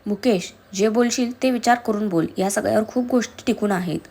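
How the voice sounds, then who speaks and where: A woman's voice: mid-range voice, fairly quick, creaky, warm tone. A woman reading the lines of a stern, proud older man defending himself in a storybook reading. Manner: stern, raised voice.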